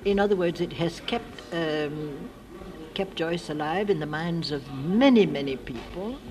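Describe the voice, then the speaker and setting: A very old woman from the United States speaking in a reflective literary interview, halting and sometimes losing her thread. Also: deep voice, darkish tone. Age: elderly, very old. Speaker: interviewee, friend of the writer discussed. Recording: clearly noisy archive interview recording.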